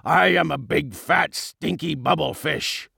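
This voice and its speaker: Man voicing a gravelly, sneering King Cod. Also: fairly high pitch, a little slow, sharp tone, no echo, clean studio sound, heavily acted. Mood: gloating. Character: huge scarred bullying fish king, sneering and cruel. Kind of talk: audiobook character voice.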